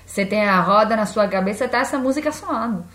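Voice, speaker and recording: A woman's voice: mid-range voice, animated, brisk, a bit bright, echoey room. Italian-accented woman podcast co-host. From Italy. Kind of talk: casual podcast chat.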